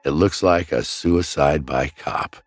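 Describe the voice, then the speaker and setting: Over background music, a deep-voiced man reads a scripted true crime story in the measured, dramatic style of a documentary narrator. There is no room sound at all.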